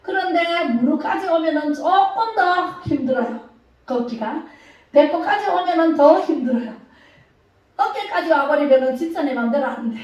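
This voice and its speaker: A high-pitched woman preacher delivering a lively sermon, tossing questions to her congregation and acting out loud cries. Her voice booms around a very echoey church hall and sits well back from the microphone. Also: moderate pace, far from the mic, lo-fi sound. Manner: lively, calls out questions to the congregation, acts out shouting. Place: church sanctuary.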